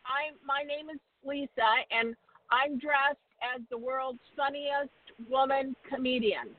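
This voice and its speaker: Chatty giggly lady calling in hands-free from her car, tinny phone line, bit high voice. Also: fairly even intonation, a little slow, dry recording. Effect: hands-free phone call from a moving car. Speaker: caller. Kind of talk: casual call-in chat.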